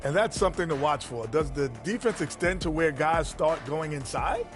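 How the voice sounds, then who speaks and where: A man giving measured, reflective basketball analysis as a studio pundit. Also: a little high, animated, music in the background, natural voice. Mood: thoughtful.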